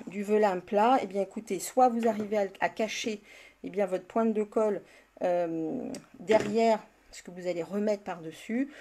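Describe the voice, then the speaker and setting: A woman's voice: mid-range voice, dark tone. A woman leading a live card-making tutorial, chatting with viewers by name and laughing often as she works. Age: older. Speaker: crafting demonstrator.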